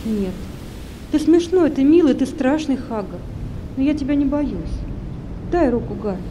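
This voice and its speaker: A woman's voice: high-pitched, expressive, normal speed, pitched above the performer's own voice. Woman doing a fervent young woman, intimate, bold, background hiss.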